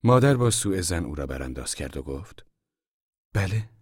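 Brief: male narrator, very low voice, measured and calm, dry close-miked sound. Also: no room sound. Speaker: audiobook narrator. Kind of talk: scripted narration.

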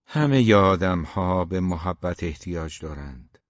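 A man voicing a young woman barber who talks to a man in a gently teasing, direct way, in a dull, dry recording. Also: low-pitched, lively intonation, no room sound. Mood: frank.

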